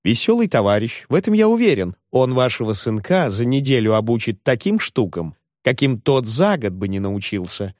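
A man doing a flustered elderly gentleman. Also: mid-range voice, very animated, moderate pace, few pauses, no room sound, clean studio sound, lightly acted. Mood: genial. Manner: genteel, flustered pleading.

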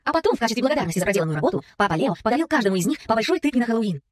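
A woman narrating a children's audiobook in a brisk, expressive reading. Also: on the high side, dry recording, clean studio sound. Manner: brisk, expressive reading that shifts voice for each character.

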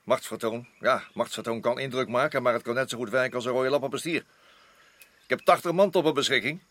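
In a radio drama, a man plays a worried, hard-nosed garrison officer, sounding urgent and emphatic and frequently repeating himself. His mid-range voice is fast and a bit bright, lightly acted on a dry recording, with a grave mood.

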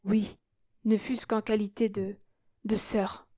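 A woman reading the part of a loyal, warm-hearted young male worker, speaking tenderly and earnestly. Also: medium pitch, flat delivery, slow. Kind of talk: audiobook character reading.

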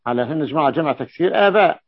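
A man's voice: a little high, expressive, rapid-fire, slightly rough, dry recording. A man teaching a classical grammar lesson, repeating key terms and asking his students checking questions. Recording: dull lo-fi dry recording.

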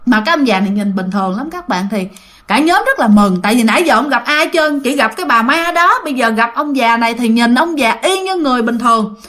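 A woman's voice: on the high side, animated, quick pace, fairly bright tone. A woman narrating a ghost story in a chatty way, often turning to her listeners. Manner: chatty, addresses listeners directly.

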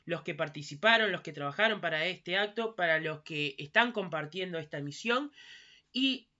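A woman with a Uruguayan accent delivering a patriotic ceremonial speech, sometimes pausing mid-phrase to find her words. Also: fairly low pitch, lively intonation, bright, forceful tone, highs cut off. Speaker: speaker at a commemorative civic ceremony.

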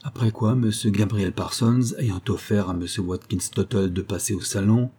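A man narrating a classic story as an audiobook, in a measured storytelling way. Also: lowish voice, steady tone, mellow, slightly rough. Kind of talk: audiobook reading.

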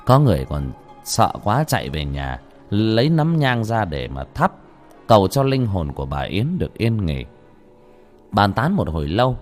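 A man narrating a ghost story in an animated, earthy way. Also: sits low. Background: faint music.

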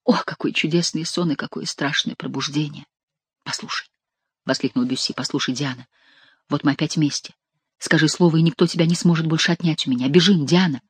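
A man narrating a classic adventure novel as an audiobook, reading expressively and dropping to hushed tones in tender scenes. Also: a little high, steady tone, fast, husky, no room sound.

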